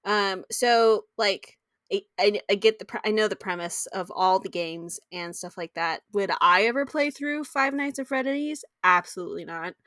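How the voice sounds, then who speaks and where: A woman co-hosting a casual podcast, bubbly and given to excited gasps, her voice coming through a tinny backup microphone. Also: medium pitch, moderate pace, no room sound. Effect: tinny, like talking through a tin can. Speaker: podcast co-host. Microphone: makeshift backup microphone.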